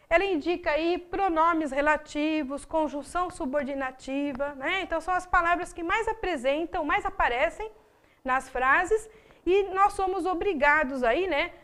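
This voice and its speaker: Brazilian woman, grammar teacher, high voice, explanatory, slows down for examples. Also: fairly bright tone. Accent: Brazilian Portuguese. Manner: explanatory, frequent tag questions, slows down to read example sentences. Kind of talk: recorded video lesson for exam preparation.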